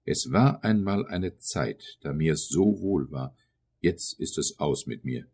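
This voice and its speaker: A man reading an audiobook, voicing a gentle, dreamy madman who speaks wistfully of his lost happiness. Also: a bass voice, lively intonation, slow, husky, exaggerated voice. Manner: wistful, confiding.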